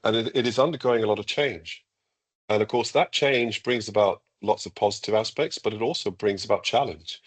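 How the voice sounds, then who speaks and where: Low-voiced Icelandic-born school leader, live Q&A, upbeat but halting. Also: male voice. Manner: measured, enthusiastic, many ums and restarts. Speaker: international school head. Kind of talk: live Q&A interview.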